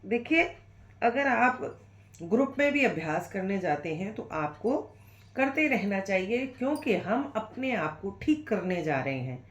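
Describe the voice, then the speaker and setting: A woman's voice: medium pitch, big pitch swings, a little slow, roomy sound, lo-fi sound. A woman with a sore throat and cough, leading a guided breathing exercise lesson as a yoga instructor in a patient, reassuring, instructive way.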